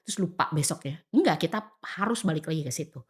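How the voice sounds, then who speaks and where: Animated woman giving casual podcast advice. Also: low voice, quick pace, husky. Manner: animated, acts out quoted dialogue, mixes in English phrases. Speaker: podcast guest.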